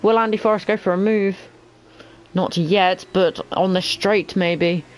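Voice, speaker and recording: A man with a fairly high voice leads casual commentary on a racing league. He calls the action in short, sometimes halting phrases, thinking aloud, over faint background noise. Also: steady tone, poor audio. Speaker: lead commentator.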